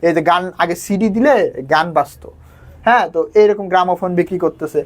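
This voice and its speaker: A man teaches an exam lesson at a brisk, rushing pace. His talk is casual and chatty, and he keeps checking in with his students as he explains. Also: sits high. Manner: casual, talks quickly, checks in with students often.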